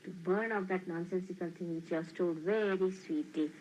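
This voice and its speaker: A woman's voice: fairly low pitch, fairly even intonation, moderate pace, darkish tone, highs cut off, a little hiss or hum. A woman spiritual teacher lecturing emphatically and admonishing her listeners.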